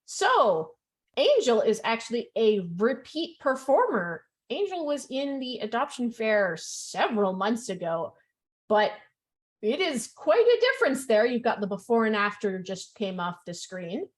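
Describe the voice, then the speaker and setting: A woman's voice: fairly high pitch, a little slow. A woman hosting a live online adoption fair, chatting and laughing with a guest over a video call. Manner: chatty, lively, laughs often. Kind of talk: live online chat interview.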